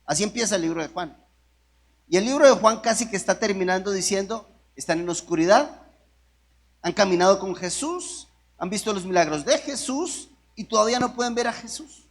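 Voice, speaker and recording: A man's voice: high voice, animated, moderate pace. A man preaching a sermon in a conversational way, often asking the congregation rhetorical questions. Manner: conversational, with restarts and jokes.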